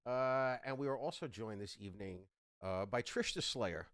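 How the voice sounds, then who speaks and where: A man co-hosting a live stream, greeting viewers by name and giving shout-outs in an upbeat, casual way. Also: mid-range voice, expressive, moderate pace, no echo, clean studio sound. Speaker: stream co-host.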